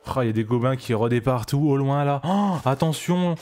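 A man's voice: mid-range voice, animated, fairly quick, darkish tone, faint music behind. A man giving casual, joking commentary while playing a game on stream, chatty with frequent restarts. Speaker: let's play streamer.

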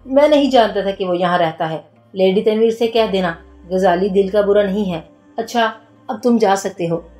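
A gruff old man with a revolver speaks in a husky, choked voice, as a woman narrator puts him on. He is curt and guarded. Soft music plays underneath. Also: mid-range voice, moderate pace, close to an everyday voice.

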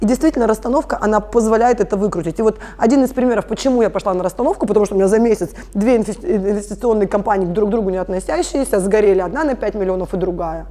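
Rapid-fire and with few pauses, a woman in her thirties speaks in a dark, medium-pitched voice about her work facilitating family constellations. It is a conversational interview, and she stays earnest and explanatory, addressing listeners directly.

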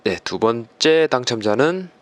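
A man's voice: mid-range voice, very animated, a little slow. A man hosting a YouTube channel, presenting a giveaway winner announcement in polite, formal phrasing.

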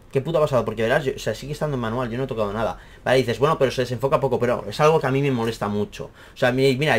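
A young man with a Spain Spanish accent, casually explaining a camera problem in an animated, exaggerated way, full of fillers and swearing. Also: medium pitch. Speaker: math teacher and YouTuber. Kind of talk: casual rambling tech explainer.

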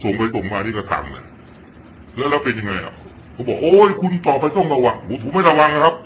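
A man's voice: mid-range voice, very animated, fast talker, fairly bright tone, slight background noise. A man from Thailand ranting through a political commentary clip, blunt and crude, swearing often as he talks. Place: home in Virginia.

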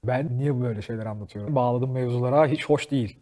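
A man hosting a comedy show, joking and cursing freely in an animated monologue, often laughing as he talks. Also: medium pitch, fast talker. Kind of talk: stand-up style monologue to a studio audience.

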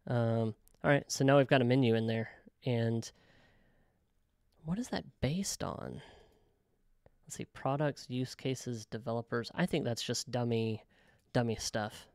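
Chatty man thinking aloud, smooth and dry. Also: mid-range voice, measured pace, a little mellow, no room sound. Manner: chatty, thinking aloud with many ums and self-corrections. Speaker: web developer tutorial host. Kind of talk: casual screen-recorded software walkthrough.

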